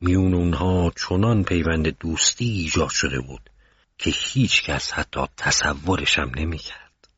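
A man narrating a scripted story in a calm, measured way. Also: very deep voice, husky, no room sound. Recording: dull muffled recording.

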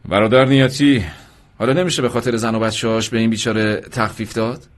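A man voicing a revolutionary guard who shouts orders. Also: medium pitch, steady tone, close to an everyday voice. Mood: commanding. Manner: loud, commanding.

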